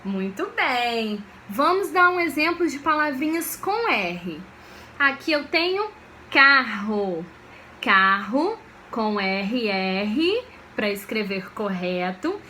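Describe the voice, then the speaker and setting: A woman teacher, giving a video lesson for children in a slow, patient way and often checking that they follow. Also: on the high side, very animated, pushed and bright, slight background noise. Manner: slow, patient, checks understanding with frequent questions.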